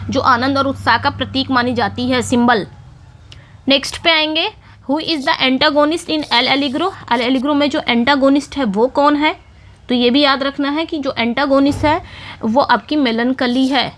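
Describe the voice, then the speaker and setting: A woman teaching English literature for an exam, explaining in Hindi and reading the English questions out slowly. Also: high voice, a bit bright. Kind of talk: exam-prep lecture.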